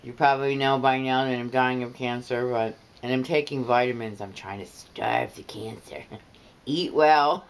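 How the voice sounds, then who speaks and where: A middle-aged woman with a smoker's rasp, talking casually and plainly to a camera on the couch, with a joking way. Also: rumbling low, steady tone. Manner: slow, plain-spoken, joking. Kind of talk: casual personal talk to camera. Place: indoors on a living-room couch.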